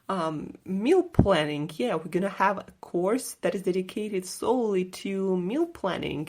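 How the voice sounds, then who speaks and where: An enthusiastic woman hosts her own nutrition podcast in a casual, chatty way. She sounds eager throughout and sometimes stumbles and restarts mid-sentence. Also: fairly low pitch. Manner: upbeat and enthusiastic, with a few slips and restarts. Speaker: podcast host and nutrition coach. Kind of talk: casual solo podcast talk.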